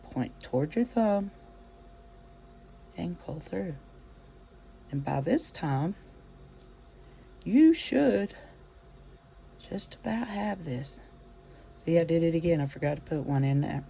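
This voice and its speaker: A crochet teacher with a mellow, warm voice walks through stitches in a relaxed, chatty way. The phrasing is folksy and homespun, full of gentle encouragement. Each step gets spoken aloud as the hands work. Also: medium pitch, a little hiss or hum. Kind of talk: casual step-by-step craft demonstration.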